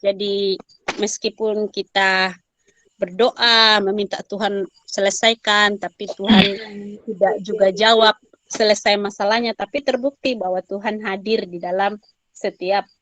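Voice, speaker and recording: A woman leading a small church group on a video call, affirming each speaker with frequent short agreements and gentle prompts. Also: mid-range voice, fairly even intonation, unhurried, poor audio. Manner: affirming, encouraging, frequent "ya" and "iya". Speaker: small-group prayer meeting leader.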